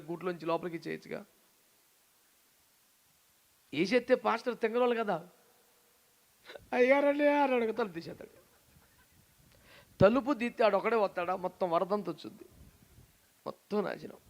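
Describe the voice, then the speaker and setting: A man preaching a sermon. He talks in a lively, teasing way and often acts out the people in his story. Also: high-pitched, fast talker, gravelly. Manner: animated, teasing, acts out quoted voices. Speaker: pastor.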